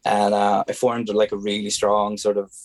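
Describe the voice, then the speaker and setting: A man's voice: fairly low pitch, completely flat delivery, moderate pace, no room sound. A young man from Hungary, a native Hungarian speaker with a Hungarian accent, talking as a guest in a casual interview and often restarting his sentences as he searches for words.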